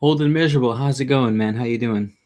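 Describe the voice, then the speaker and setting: A man hosting a casual livestream, chatting to viewers in a subdued, low-energy, rambling way with halting self-interruptions. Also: darkish tone, slight background noise. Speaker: livestream host. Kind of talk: casual live chat to viewers.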